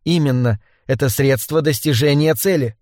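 A man reading a cold proud woman, clipped and even. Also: fairly high pitch, normal speed, no echo, studio quality, lightly acted. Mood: tense. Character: cold, proud woman scholar, bitter and determined.

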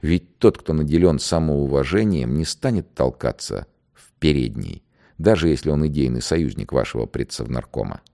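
Man reading a calm condemned poet, quiet and thoughtful, deep raspy low voice. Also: full character voice. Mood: reasoned. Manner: measured, quiet, reflective. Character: calm, dignified male poet facing execution. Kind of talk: dramatized reading of a dialogue.

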